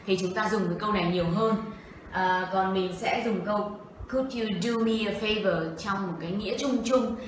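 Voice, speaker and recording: A woman's voice: medium pitch, moderate pace, far from the mic, a little hiss or hum. Vietnamese woman explaining English, echoey room. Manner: explains in Vietnamese, asks the audience questions. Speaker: co-host and interpreter. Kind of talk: livestream English lesson.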